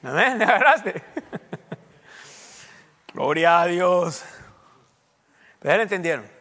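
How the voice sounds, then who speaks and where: A man's voice: sits high, lively intonation, slow, sharp tone. A male pastor preaching a teaching sermon, quizzing his congregation and dropping English fillers. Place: church hall. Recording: echoey church hall.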